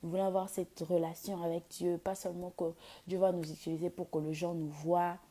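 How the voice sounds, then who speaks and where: A worship leader gives an informal devotional exhortation, inviting people to a praise event. She speaks hesitant French, haltingly and slipping into English at times. Her voice is husky and breathy, warm, on the low side, and level in tone.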